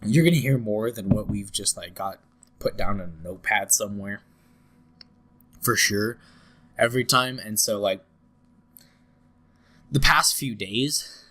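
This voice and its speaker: Speaking unhurriedly and pausing often, a young man hosts a casual podcast in a fairly low, bright, forceful voice. He has a cold that makes him congested, nasal, and slightly scratchy, and his rambling is filled with fillers and restarts.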